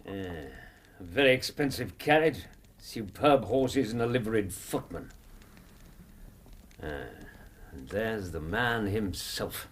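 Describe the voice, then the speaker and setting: Doctor Watson, earnest English gentleman. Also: lowish voice, expressive, takes it slowly, long pauses, husky, heavily acted. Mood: observant, bemused. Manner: earnest, plain-spoken, slightly hesitant. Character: earnest, decent male Victorian doctor, detective's loyal companion. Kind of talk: British radio drama acting.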